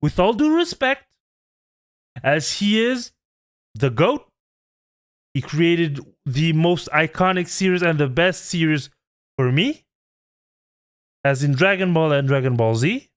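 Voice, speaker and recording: Man, twenties, host; earnest pleading rant, smooth clear voice, unhurried. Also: a little high, expressive. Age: 20s. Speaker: channel host. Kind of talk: heartfelt vlog rant.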